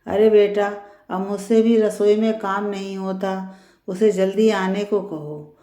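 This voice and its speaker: A nagging, sharp-tongued older mother-in-law, as a woman reading a story puts her on. She speaks slowly, in a mellow, soft-edged voice. The room echoes around her. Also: mid-range voice, steady tone, lightly acted. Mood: complaining. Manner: complaining, taunting.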